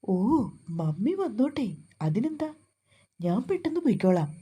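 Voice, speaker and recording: A pert, teasing young woman, put on by a woman reader in a storybook voice, cheeky and stubborn in love. Her voice rides higher than the narrator's, with a dark, husky grain underneath. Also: big pitch swings, moderate pace.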